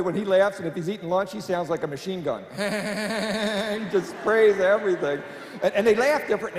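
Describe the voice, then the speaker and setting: On a church stage before a live audience, a middle-aged man performs family-friendly stand-up, chatty and self-deprecating. His voice sits high with a slightly mellow quality. The hall gives a long reverb and faint room noise.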